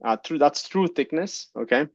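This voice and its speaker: A man in his thirties from Guatemala, giving a conference keynote talk, relaxed, with many fillers and restarts. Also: fairly high pitch, moderate pace, no echo, highs cut off. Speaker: keynote speaker, geologist. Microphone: computer mic on a video call.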